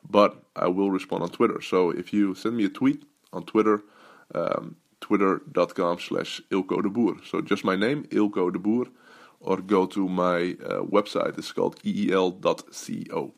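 A man's voice: low-pitched, fairly even intonation, normal speed, gravelly. A Dutch man hosting his own podcast as a business coach, talking loosely with many fillers and restarts. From Netherlands. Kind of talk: casual solo podcast talk.

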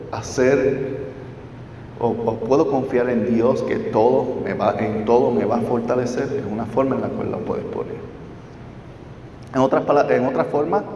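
A man's voice: mid-range voice, darkish tone, slight background noise. A man leads a Bible study class, breaking the lesson into steps and asking his listeners short questions as he goes. His voice comes from a distance in a big reverberant hall. The sound is somewhat muffled and lo-fi. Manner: explains step by step, asks listeners questions. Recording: roomy hall, distant mic, dull.

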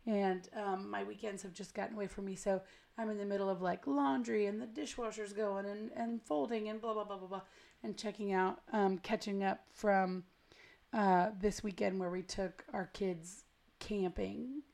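Female American podcast host, gravelly, smoky and hoarse from a cold, creaky mid-pitched delivery, chatty, self-deprecating and informal. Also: steady tone, normal speed, a little mellow. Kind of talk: casual podcast intro chat. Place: at home.

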